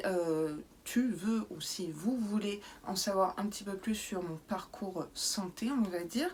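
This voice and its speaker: A woman's voice: mid-range voice, darkish tone. A woman, chatting casually as she answers viewer questions in her vlog, full of playful asides and fillers. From southwest France and New Zealand. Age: 30s. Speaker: beauty YouTuber.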